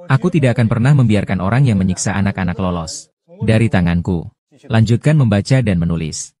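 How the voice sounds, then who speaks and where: Deep, mellow-voiced man reading a drama. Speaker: drama recap narrator voicing every character. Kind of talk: dubbed drama recap.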